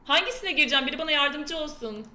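A young woman on a live stream talks playfully to her viewers and reads quiz questions aloud. Her voice is bright and a little high. The sound carries the echo of a roomy space. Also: animated, fast talker. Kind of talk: casual live-stream chat. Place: indoor room with a door that keeps slamming.

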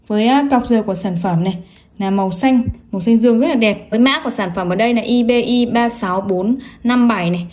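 Pitched on the high side with a darkish tone, this woman sells watches online, pushing hard as she rattles off specs and prices in a showcase.

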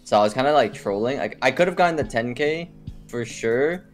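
A man's voice: mid-range voice, expressive, a little fast, soft background music. A man chatting casually about games, laid-back and rambling, laughing often. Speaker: streamer. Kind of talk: casual gaming chat.

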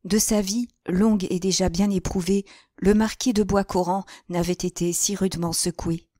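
A woman narrating a classic crime novel as an audiobook, with a measured literary reading. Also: mid-range voice, fairly even intonation, mellow, no echo, studio quality.

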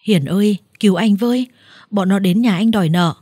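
A woman's voice: medium pitch, brisk, dark tone, husky, no echo, studio quality, lightly acted. A woman voicing a broken seventy-year-old man who pleads in a weak, trembling voice. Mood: pleading.

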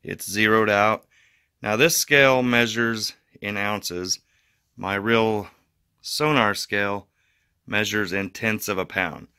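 A man's voice: lowish voice, slow pace, clear, resonant tone, no room sound, clean studio sound. A man hosting his fishing channel, talking casually through a how-to with fillers and restarts, from a carpeted room indoors. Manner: relaxed, rambling, with fillers and restarts.

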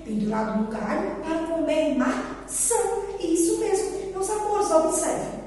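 A woman's voice: very high-pitched, big pitch swings, a little slow, a little mellow, far from the mic, a little hiss or hum. A Brazilian woman teaching preschoolers in a coaxing, sing-song manner, asking questions and answering them herself. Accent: Brazilian Portuguese. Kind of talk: recorded remote lesson for young children. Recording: echoey room, voice from off-mic.

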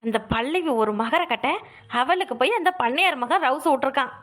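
A woman's voice: high voice, expressive, a little fast, a bit bright. A woman voicing a jealous, vain young village woman in a cartoon, with a catty, sneering manner. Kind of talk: cartoon voice acting.

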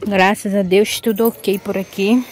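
A woman from Belém with a Paraense accent, chatting casually to her viewers in a home vlog, lively and quick to exclaim, filmed on a handheld phone around her yard and rooftop. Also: mid-range voice, a little hiss or hum. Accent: Paraense Brazilian Portuguese. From Belém, Pará, Brazil. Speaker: vlogger.

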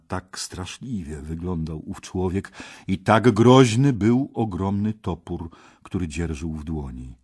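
A man reading an audiobook in calm, measured narration. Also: low voice, husky. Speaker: audiobook reader. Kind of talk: scripted narration.

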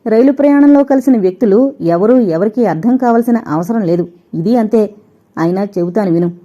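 Haughty rich girl, sharp and scornful, fast cutting talk, darkish mellow tone, a lady narrator putting her on, kinda muffled recording. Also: mid-range voice, animated, natural voice. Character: arrogant rich young woman, scornful. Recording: dull lo-fi recording.

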